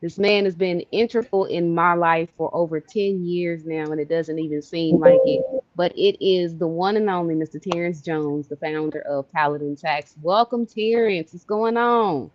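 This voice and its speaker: A woman's voice: on the low side, normal speed, a little mellow, a little hiss or hum. A woman hosting a casual talk show, playful and chatty, laughing easily. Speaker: podcast host. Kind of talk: casual chat. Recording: dull lo-fi sound.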